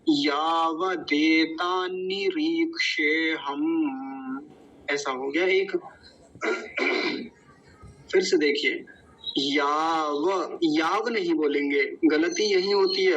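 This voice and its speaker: A man with a high, light voice leads a slow pronunciation lesson, taking his time over every word. He patiently splits long terms into syllables and repeats them one by one. The recording sounds dull and lo-fi. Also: fairly bright tone. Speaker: Sanskrit recitation teacher.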